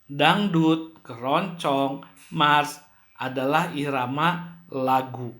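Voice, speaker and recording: A man teaching a school music lesson, explaining slowly and clearly, now and then acting out the sounds he describes. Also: on the high side, fairly bright tone, roomy sound. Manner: slow, clear explaining with playful sound demonstrations.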